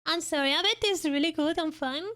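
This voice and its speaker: A woman's voice: high voice, brisk, sharp tone. A woman doing casual reaction commentary as a VTuber, with a slangy, dramatic, exasperated way of talking.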